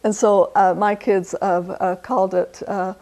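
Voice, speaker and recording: A woman's voice: mid-range voice, level tone, a little slow, a little mellow. An older woman giving a conversational lecture on parenting, acting out little bits of dialogue between parent and child. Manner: conversational, fillers, acts out quoted dialogue. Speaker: parenting speaker.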